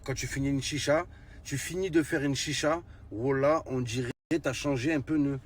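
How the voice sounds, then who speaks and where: A man's voice: medium pitch, steady tone, normal speed. A man with a French urban street accent tells comic stories in casual street slang, exclaiming with mock indignation. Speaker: comedian telling stories to the camera.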